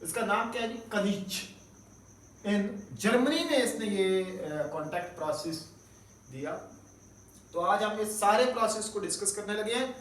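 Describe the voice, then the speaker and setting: A man's voice: high-pitched, lively intonation, moderate pace, roomy sound, recorded from a distance, low-quality recording. A male chemistry teacher giving a recorded lecture, explaining step by step, repeating key terms and mixing in English technical words. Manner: mixes English technical terms into his speech.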